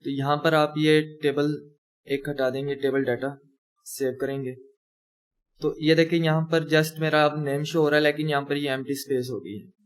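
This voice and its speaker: Teaching coding in a screen-recorded tutorial, a young man speaks at a moderate pace in a slightly high voice with fairly even intonation. He narrates each step as he types and self-corrects along the way.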